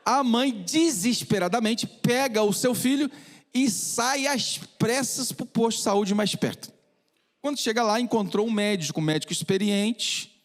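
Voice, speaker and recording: A male pastor, preaching a sermon with stories and sinking into a low, hushed tone. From Minas Gerais, Brazil. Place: church hall. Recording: reverberant church hall.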